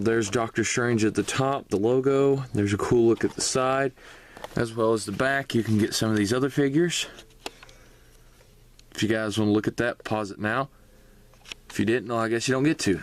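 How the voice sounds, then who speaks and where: A low-voiced man chats his way through a toy unboxing, addressing his viewers directly in a loose, casual way. A faint hiss sits under the recording. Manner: chatty, talks straight to viewers. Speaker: toy reviewer.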